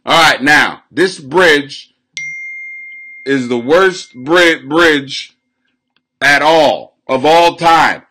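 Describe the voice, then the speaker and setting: Loud crude home live-streamer, high bright voice. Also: male voice, drawn-out words, pauses often. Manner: loud, crude, laughs often, swings from shouting to mumbling. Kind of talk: rambling live-stream comedy rant. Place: small room at home, indoors. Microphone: webcam at desk.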